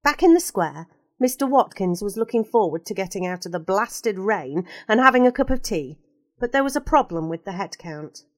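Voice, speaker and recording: Woman narrator, storybook reading, expressive, mid-range voice, dry close sound. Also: mid-range voice, normal speed, dry recording.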